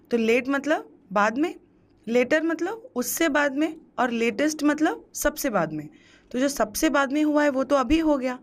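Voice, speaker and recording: A woman teaching an exam-prep grammar lesson, asking the class questions and answering them herself, with English words in a Hindi accent. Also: sits high.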